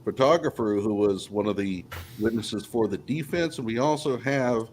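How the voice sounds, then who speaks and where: A man's voice: medium pitch, moderate pace, a little mellow, a little hiss or hum. A man hosting a live panel discussion, loose and chatty, who sometimes trips over his words. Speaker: livestream host. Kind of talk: casual panel chat.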